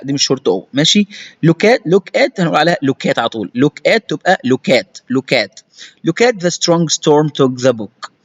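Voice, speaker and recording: A man with an Egyptian Arabic accent teaching English phonics. He says example sentences very slowly and explains each rule in quick bursts. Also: medium pitch, no echo. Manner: repeats drills slowly, then explains quickly. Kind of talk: recorded phonics lesson.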